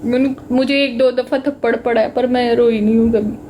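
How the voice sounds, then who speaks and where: A woman's voice: fairly high pitch, steady tone, a little fast, mellow, slight background noise. A young woman with a Punjabi accent, chatting and joking with viewers on a casual livestream. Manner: chatty, joking and self-mocking, mixing Punjabi into Hindi. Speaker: livestream host.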